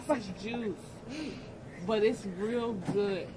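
Groggy, high-voiced young woman after anesthesia. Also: steady tone, slow pace, crowd noise, rough recording. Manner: rambling, loud, uninhibited. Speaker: patient. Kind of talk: casual talk to nurse and family. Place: hospital room, in a bed. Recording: phone clip with busy voices behind.

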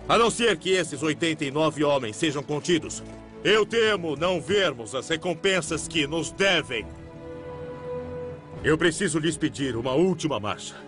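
A man's voice: a little high, animated, normal speed, over music, lightly acted. An actor dubbing a stern army general who rallies his troops in a film trailer, speaking in a commanding, grave manner. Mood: rousing.

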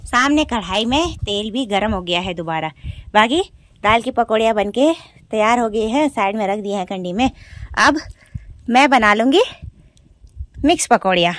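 A woman's voice: fairly high pitch, animated, moderate pace, long pauses. A young woman in her twenties from Uttarakhand, chatting casually as she narrates her village vlog outdoors on a phone camera held at arm's length. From Uttarakhand, India. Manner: chatty, explains as she cooks and walks. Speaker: village vlogger.

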